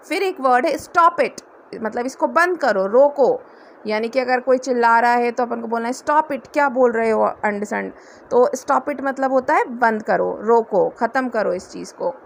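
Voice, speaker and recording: High-voiced woman teaching English. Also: unhurried, vocal fry, slight background noise. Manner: patient, explains each phrase step by step. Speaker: English tutor. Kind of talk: spoken English lesson.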